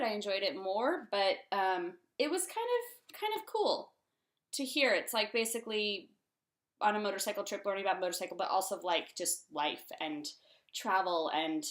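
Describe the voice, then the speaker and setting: A woman's voice: medium pitch, a bit bright. A young woman chatting casually about books she has read as the host of her own vlog, filling her talk with um and like. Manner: chatty, many ums and likes. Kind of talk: casual book-review chat.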